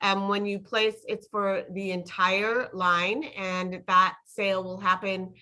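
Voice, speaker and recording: A woman's voice: mid-range voice, flat delivery, slow, sharp tone. A woman introducing a webinar class, friendly and rambling, with many fillers. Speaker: host and distributor.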